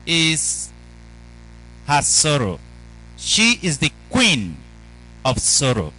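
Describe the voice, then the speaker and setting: Bright, slow-speaking man leading prayer. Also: fairly high pitch, poor audio. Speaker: priest leading Mass. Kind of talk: liturgical preaching and prayer.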